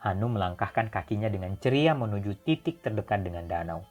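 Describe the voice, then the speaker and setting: This is a man narrating a story in a calm, steady reading voice. His voice sits fairly low. A faint musical bed runs under the narration. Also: fairly quick, soft background music. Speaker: audiobook narrator. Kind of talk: scripted narration.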